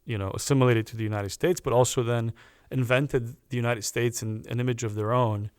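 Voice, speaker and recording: A man, a guest on a podcast, telling a personal story in a casual, animated way, often stopping to restart a phrase. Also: medium pitch, brisk, clean tone. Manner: animated anecdote teller with restarts.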